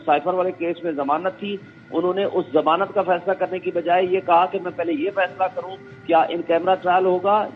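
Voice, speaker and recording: A man speaking as a guest lawyer on a phone-in interview, making measured arguments and quoting others. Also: high-pitched. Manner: measured legal arguing, quotes others. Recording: tinny phone line with faint music.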